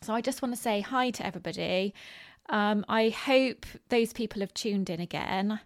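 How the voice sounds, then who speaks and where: A woman's voice: medium pitch, moderate pace. Chatty woman with a West Country accent. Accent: West Country English. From Bristol, southwest England. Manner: chatty, informal, hesitant with many ums. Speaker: podcast host. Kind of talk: casual solo podcast talk.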